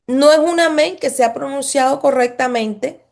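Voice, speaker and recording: A woman's voice: high voice, moderate pace, vocal fry, darkish tone. A woman giving a religious lesson, explaining patiently, repeating phrases and often checking in with the listener. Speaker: religious teacher.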